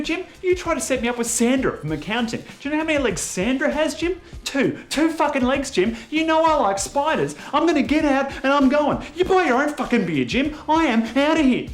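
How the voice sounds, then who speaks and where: A man with an Australian accent playing a frustrated, sweary bloke ranting at his mate in a pub. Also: echoey room. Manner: shouting, sweary, high-pitched outrage.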